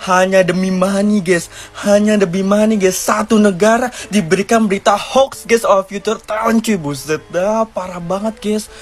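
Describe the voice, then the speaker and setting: A man reacts in excited bursts and keeps calling out to his viewers. His voice is high for a man. Faint music plays behind him. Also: normal speed, hardly any pauses. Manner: exclaiming, repeats "guys".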